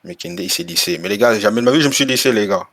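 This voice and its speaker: A man's voice: mid-range voice, animated, rapid-fire, creaky, fairly bright tone. A young man in a casual debate, challenging the other side and repeating his phrases.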